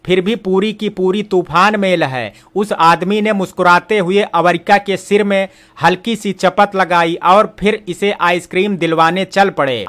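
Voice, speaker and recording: A man narrating a love story in a steady, expressive reading voice. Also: high voice.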